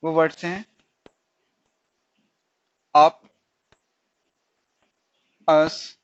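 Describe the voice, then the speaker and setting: In this recorded stenography lesson, the male teacher explains each step, repeats every sound, and checks whether students are following. He speaks on the high side in a flat way, drawing out his words. Audio is dull and lo-fi.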